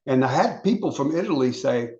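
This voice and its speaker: An older man chats casually as a guest and wanders from story to story, often restarting his sentences. His voice has a gravelly edge. The recording sounds echoey and a little muffled. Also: medium pitch, lively intonation, fairly quick, mellow. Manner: rambling storyteller with restarts and stammers. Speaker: interview guest, solo performer. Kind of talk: casual interview chat.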